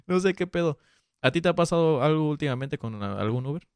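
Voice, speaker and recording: A man's voice: a little high, lively intonation, fast talker, smooth, no room sound, studio quality. A man co-hosting a podcast, joking and swearing freely in casual chat. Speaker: podcast co-host.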